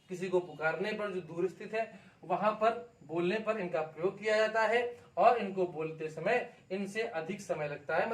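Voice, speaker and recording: High-voiced man teaching in an echoey room. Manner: lively explaining, frequent check-ins with students. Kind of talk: exam-prep lesson. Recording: echoey room, distant mic.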